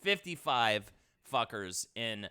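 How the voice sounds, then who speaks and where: A man's voice: medium pitch, sing-song, slow, pushed and bright, clean tone. A man hosting a live stream, chatting casually in a joking, rambling, self-mocking way. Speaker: livestream show host. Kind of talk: casual chat. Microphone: computer mic on a live stream.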